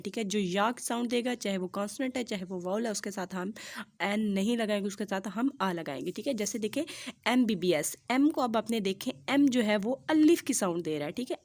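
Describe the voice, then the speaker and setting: Woman, grammar teacher, patient, slow careful English examples, classroom lesson. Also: medium pitch, a little mellow. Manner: patient, repeats "theek hai" to check understanding; spells out English examples slowly and deliberately. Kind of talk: classroom lesson explaining articles.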